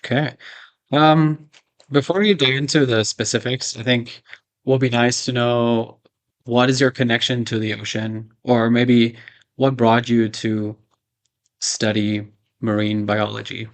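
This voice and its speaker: A young man hosting a casual conversation, asking questions in a relaxed way with frequent fillers. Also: mid-range voice, a little slow. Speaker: host, interviewer.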